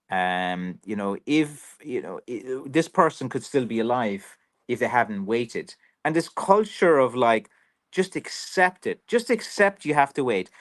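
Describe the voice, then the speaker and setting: Rambling Irish man on a livestream. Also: mid-range voice. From Ireland. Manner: rambling and chatty, with many fillers and restarts. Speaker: professional stick maker. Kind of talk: casual livestream chat reading viewer comments.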